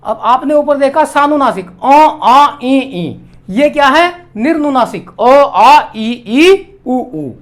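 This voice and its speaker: A man teaching a grammar lesson, slowly spelling out and repeating each vowel sound. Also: very high-pitched, lively intonation, a bit bright.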